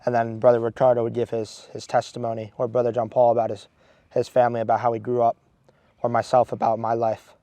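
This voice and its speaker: A man's voice: medium pitch, fast, no echo. Earnest young man in a dry room. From Maryland. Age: 20s. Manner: earnest, animated, with many restarts. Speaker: seminarian. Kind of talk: casual storytelling.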